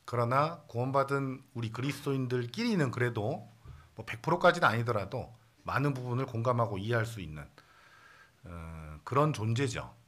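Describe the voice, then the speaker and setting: Male pastor, sermon; bright, forward tone, chatty with lots of fillers. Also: mid-range voice, animated, moderate pace. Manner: conversational preaching with playful asides and many fillers. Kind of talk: Sunday sermon. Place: church sanctuary.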